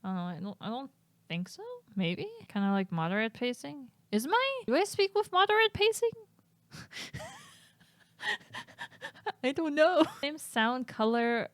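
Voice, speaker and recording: With a mid-range voice and no echo in the recording, a young woman streams herself reading test questions aloud and answering them casually and hesitantly. She laughs a lot, adds giggly asides, and says she sounds flat and monotone.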